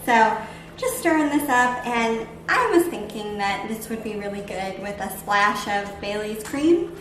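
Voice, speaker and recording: Expressive and a little slow, a woman's medium-pitched, fairly bright voice guides a home cooking vlog as she chats casually and demonstrates. The setting is her kitchen indoors at home, recorded in an echoey room with background noise.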